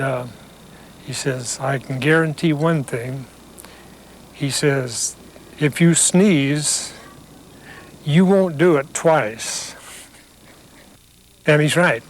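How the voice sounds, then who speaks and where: A man's voice: a little high, slow pace, pauses often, a little hiss or hum. Plain-spoken man on an old VHS tape. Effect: old VHS tape transfer. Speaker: heart surgery patient. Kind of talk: recalling his own recovery in a casual interview clip.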